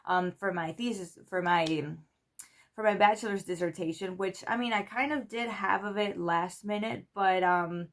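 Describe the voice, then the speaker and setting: A Spanish woman in her twenties, a PhD student vlogger speaking English, tells a rambling story to camera at medium pitch and a moderate pace. She's chatty and meandering, peppering her talk with "like" and "you know" and doing lively quoted voices.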